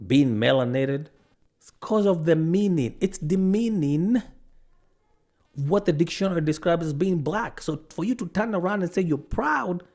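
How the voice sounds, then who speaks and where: A man's voice: a little high, a little mellow. A man from Africa giving a ranting monologue to camera, arguing hard and firing off one rhetorical question after another. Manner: argumentative, fires off rhetorical questions; stops to check notes mid-rant, with restarts. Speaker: video commentator.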